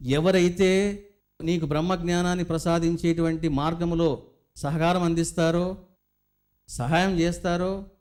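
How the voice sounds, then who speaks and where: A man's voice: fairly high pitch, darkish tone. A middle-aged man, a spiritual teacher, giving a devotional discourse full of stories and rhetorical questions to his listeners.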